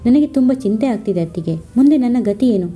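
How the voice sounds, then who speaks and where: A woman's voice: fairly high pitch, lively intonation, fairly quick, warm tone, soft background music, close to an everyday voice. A woman voicing a distressed young wife who pleads with worry in a storybook reading. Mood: worried. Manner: pleading, worried.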